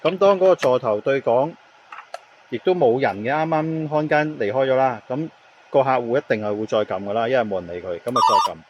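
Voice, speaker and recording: A man with a Hong Kong Cantonese accent gives an unscripted product demonstration, explaining in halting phrases mixed with English words. His voice is mid-range, the audio dull, with slight background noise.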